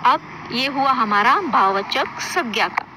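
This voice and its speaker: Slow, patient woman teacher explaining. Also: fairly high pitch, lively intonation, background noise. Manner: explains slowly, repeats words and asks pupils questions. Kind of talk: recorded school lesson.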